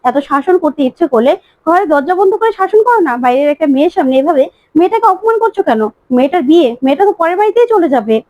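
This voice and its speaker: A woman's voice: extremely high pitch, lively intonation, rapid-fire, no echo, dull audio, voice pushed up. A woman doing a meddling sister-in-law. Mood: needling. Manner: needling, scolding.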